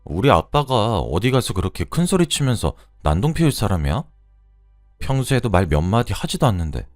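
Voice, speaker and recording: A man's voice: on the low side, big pitch swings, fairly quick, no echo, clean studio sound, faint music behind, pitched above the performer's own voice. A man voicing a chatty young woman who teases and pleads with her aunt in a radio drama. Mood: pleading. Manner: pleading, bubbly, insistent.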